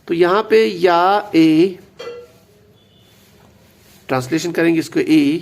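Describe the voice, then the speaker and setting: High gravelly male grammar teacher. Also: a little hiss or hum. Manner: patient, repeats key words, mixes in English terms. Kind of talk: explanatory lesson.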